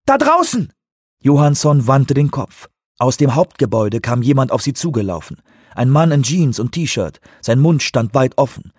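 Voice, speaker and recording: Husky guy reading an audiobook, steady and tense, dry booth sound. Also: medium pitch, moderate pace, no room sound. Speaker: audiobook narrator. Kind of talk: scripted narration.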